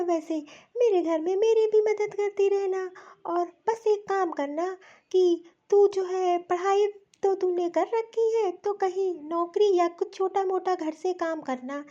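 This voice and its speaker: A woman's voice: very high voice, fairly even intonation, a little slow, mellow. A woman voicing a kind, motherly middle-aged neighbour aunt in a cartoon, coaxing and fussing over a young widow. The recording is dull and lo-fi. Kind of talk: cartoon voice acting.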